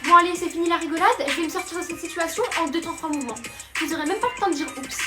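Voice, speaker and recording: A cheeky, squeaky boy, put on by a man in a comedy sketch. The voice is very high and quick. Music plays clearly behind him. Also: steady tone. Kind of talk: comedy sketch role-play.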